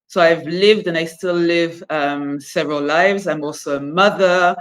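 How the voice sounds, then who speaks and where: In an interview, this fashion brand founder, a woman from Cameroon in her forties, looks back thoughtfully on her life. She has a deep voice and talks a little slowly.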